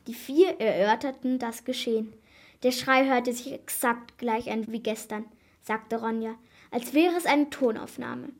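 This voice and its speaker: Female narrator, children's audiobook, slightly high voice, steady and expressive. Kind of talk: scripted children's story narration.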